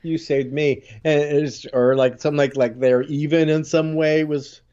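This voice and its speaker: Warm, smooth and on the high side, his voice keeps fairly even intonation at a normal speed over lo-fi sound. As a podcast co-host in a casual chat, he rambles, using lots of fillers and restarting often.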